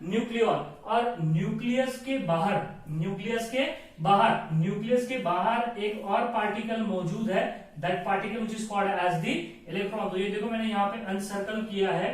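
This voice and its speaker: A man teaching a chemistry lecture, who asks his students questions, answers them himself and repeats the key terms. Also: sits high. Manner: mixes in slow, drawn-out English phrases. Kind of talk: classroom lecture. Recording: echoey room, voice from far off.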